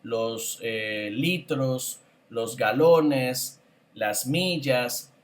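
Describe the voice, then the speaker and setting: A man teaching English vocabulary in a patient lesson, repeating words slowly for pronunciation drills. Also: medium pitch. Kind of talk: spoken grammar and pronunciation lesson.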